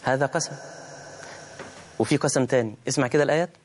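A middle-aged man with an Egyptian accent preaching a sermon, emphatic, slowing and rising when he quotes scripture and arguing both sides of a dialogue. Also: mid-range voice. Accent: Egyptian Arabic.

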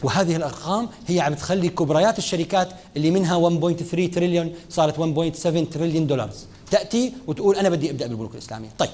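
Rapid, lively lecturer, a man. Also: fairly high pitch. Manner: lively teaching, speaking straight to students, mixing formal and dialect Arabic. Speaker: lecturer on Islamic finance. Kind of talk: classroom lecture.

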